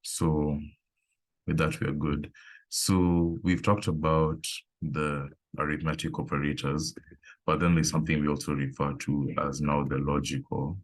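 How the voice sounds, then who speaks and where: A coding instructor with a very deep male voice leads a live online coding lesson. He's relaxed and thinks aloud, pausing and using fillers.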